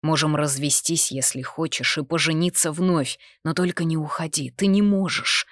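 A woman reading the lines of a tormented young male mage in an audiobook, low-voiced and pleading. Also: fairly even intonation, normal speed, dry recording, studio quality, lightly acted. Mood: desperate. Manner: tense, then pleading and desperate.

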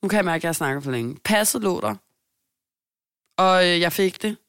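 A woman's voice: fairly low pitch, no echo, studio quality. A Danish woman co-hosting a podcast, casually telling a story and acting out the people in it. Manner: animated storyteller, acts out quoted people. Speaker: podcast co-host. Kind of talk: casual chat.

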